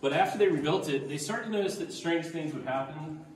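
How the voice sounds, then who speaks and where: A man's voice: on the high side, fairly quick. A man working as a tour guide tells stories in an informal, explanatory way inside an echoing cave. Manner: conversational, explanatory storytelling. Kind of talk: informal storytelling to a small tour group. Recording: echoey cave, long reverb, distant, faint noise.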